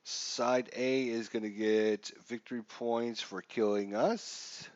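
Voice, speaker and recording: His pitch sits in the middle, the tone steady and a little mellow, and he takes his time. Sounding blocked up, he rambles companionably through the wargame scenario for his stream audience, fillers everywhere, over dull, dry, low-fidelity audio.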